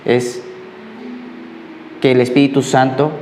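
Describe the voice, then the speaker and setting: A man delivers a sermon in a relaxed, conversational way, often pausing to check that his listeners follow. His voice sits at an ordinary middle pitch. The recording carries the echo of a church hall with faint ambient noise behind him. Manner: conversational preaching, often asks "¿Ok?". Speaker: pastor.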